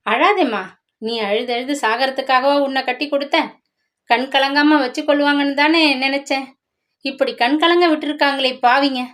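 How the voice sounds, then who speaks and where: A woman's voice: high voice, fairly even intonation, normal speed, a bit bright. A woman voicing a protective elder brother. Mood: grieving angry. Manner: pleading, grieving, protective. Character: poor loving elder brother, middle-aged man, protective.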